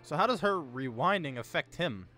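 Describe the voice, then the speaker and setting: Animated young man, bright dry voice. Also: fairly high pitch, moderate pace, faint music behind. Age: young adult. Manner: informal, sweary. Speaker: reaction video host. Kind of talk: casual reaction commentary. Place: small indoor room at a desk. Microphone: close condenser mic with pop filter.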